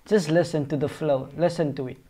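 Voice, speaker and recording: Mellow, rambling music reaction streamer. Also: mid-range voice, fairly even intonation, brisk. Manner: rambling, profane, thinking aloud and unsure. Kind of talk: casual reaction commentary.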